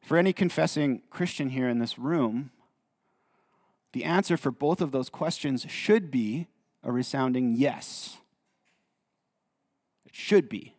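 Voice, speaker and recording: A man's voice: a little high, a little mellow, breathy edge. A man preaching a sermon as a pastor, earnest, often repeating words as he goes. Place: church hall. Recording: reverberant church hall.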